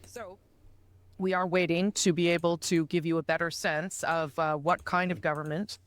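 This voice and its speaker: A male TV anchor reading out election tallies in a polished, even broadcast manner. His voice is smooth and resonant. It sits slightly higher than most men's. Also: moderate pace, dry recording. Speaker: TV news anchor. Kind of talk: live broadcast news anchoring.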